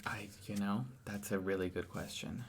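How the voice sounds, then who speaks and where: A man's voice: on the low side, steady tone, normal speed, creaky, slightly rough. A tired man talks loosely in casual chat. He rambles, restarts his sentences and trails off as he thinks aloud, like a podcast co-host late at night.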